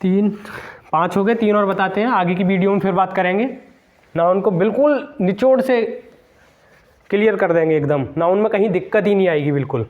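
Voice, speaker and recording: A man teaching exam-prep English grammar talks a little fast in a high voice, and the recording sounds muffled. He is emphatic, repeating words and spelling them out one letter at a time for students facing competitive exams.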